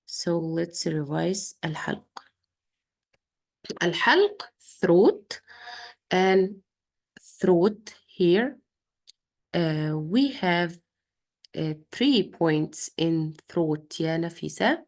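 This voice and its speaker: Female Quran tutor, low gravelly tone, patient, slow explaining lesson. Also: expressive, a little mellow. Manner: demonstrates Arabic throat sounds. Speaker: Quran recitation teacher. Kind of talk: recorded revision lesson for a student.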